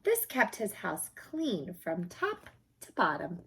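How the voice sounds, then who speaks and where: Her voice fairly low and a touch husky, a woman reads a children's picture book slowly, giving the story expressive, emphatic life.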